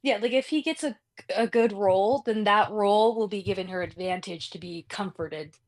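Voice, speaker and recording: A woman's voice: medium pitch, moderate pace, no room sound. A woman playing a tabletop game, explaining her moves at length. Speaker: player.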